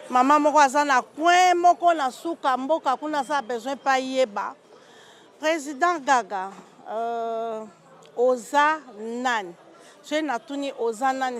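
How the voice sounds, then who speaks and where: A Congolese woman hosting a talk show interview, switching between French and Lingala as she asks questions. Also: high-pitched. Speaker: host.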